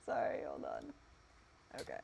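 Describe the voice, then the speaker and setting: A woman's voice: normal speed, heavy background noise. A woman co-hosting a casual chat, her voice muffled as if she were talking into a cup. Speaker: co-host of a cigar review show.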